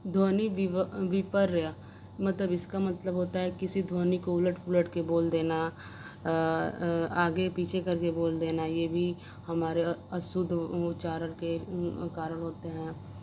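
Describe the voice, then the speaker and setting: A woman talks through an exam-prep lesson in a low, fairly flat voice. She explains point by point, often pausing on fillers and restarting her sentences. Steady noise sits under the recording. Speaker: teacher. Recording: noisy background hiss.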